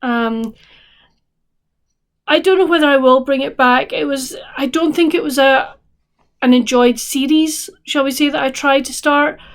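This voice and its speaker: A woman's voice: high voice, a little slow. A woman chatting casually as a book vlogger, rambling with restarts and fillers, sounding tired. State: tired, yawning. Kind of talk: casual chat to camera.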